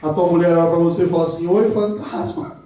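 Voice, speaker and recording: A man preaching a sermon as pastor, animated and jokey, acting out the dialogue in a raised voice. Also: on the high side, rapid-fire. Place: large church hall. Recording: echoey church hall, mic at a distance.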